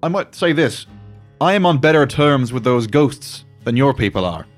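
A little dwarf rogue, evasive and courteous, played by a man at a gaming table. He talks diplomatically at a middle pitch, with music in the background. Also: animated, normal speed, lightly acted. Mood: diplomatic. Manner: polite, hedging, diplomatic. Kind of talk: tabletop role-play. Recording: music behind the voice.

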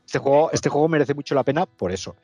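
Dry-sounding podcast host. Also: male voice, a little high, animated, fast talker, dark tone, breathy edge, no room sound, faint music behind. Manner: hesitant restarts, thinking aloud. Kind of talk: casual podcast chat.

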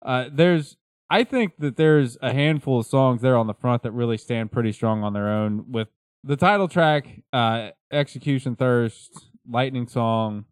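A man's voice: mid-range voice, a little slow, clear, resonant tone, no echo, clean studio sound. A man co-hosting a casual music podcast, talking in a wry, rambling way and often correcting himself. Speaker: podcast co-host. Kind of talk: casual chat about music.

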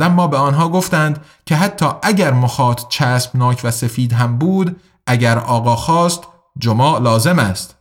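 A man narrating an audiobook in a measured, even reading voice. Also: fairly high pitch.

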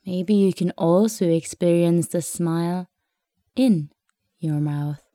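A woman leads a guided meditation in a soft, soothing voice. Her delivery is very slow, with long pauses between phrases. The tone is dark and mellow, captured in a close, dry sound. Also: fairly low pitch, no room sound.

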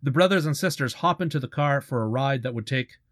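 A man's voice: mid-range voice, brisk, a bit bright, no room sound, studio quality. A man recapping a movie plot in a casual commentary, with wry sarcastic asides. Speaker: movie reviewer.

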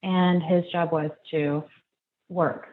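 A woman guest in an interview, reflecting slowly and haltingly, restarting her sentences. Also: fairly low pitch, fairly even intonation. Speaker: podcast guest. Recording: tinny phone-like line, faint noise.

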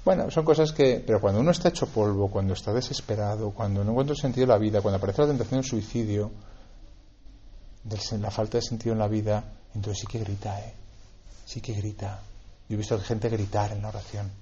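A man's voice: lowish voice, fast talker, mellow, slightly rough. A man from giving a conversational homily, with many tag questions and repeated words. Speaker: priest. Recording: dull lo-fi recording.

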